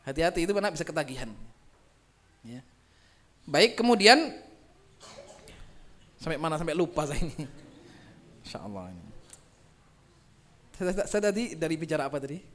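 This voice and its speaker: A man preaching a Quran commentary lecture to a gathered audience, reciting verses slowly and then explaining them, switching between loud emphatic lines and soft low asides. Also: very animated. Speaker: Islamic preacher.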